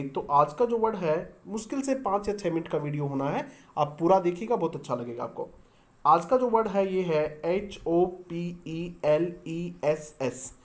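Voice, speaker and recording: Woman English tutor with a lowish voice, patient and methodical, talks straight to her students. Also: darkish tone. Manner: patient, explains step by step and answers own questions; addresses viewers as students. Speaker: English teacher. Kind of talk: online language lesson.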